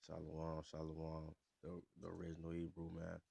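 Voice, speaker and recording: A man's voice: deep voice, monotone, moderate pace, gravelly, mellow, no echo. A man ranting in a casual vlog, full of slang and fillers like "man" and "you know". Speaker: vlogger.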